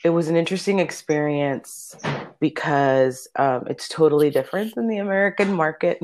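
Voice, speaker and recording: A native Spanish speaker in her thirties, an opera soloist, chats informally as an interview guest and tells stories conversationally. Her low-pitched voice is a little mellow and moves at normal speed.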